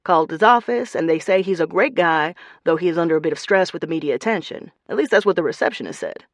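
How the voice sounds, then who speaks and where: A woman's voice: fairly low pitch, expressive, quick pace, no echo, clean studio sound, close to an everyday voice. A woman narrator voicing an easygoing male friend calling in on speakerphone, casual and apologetic.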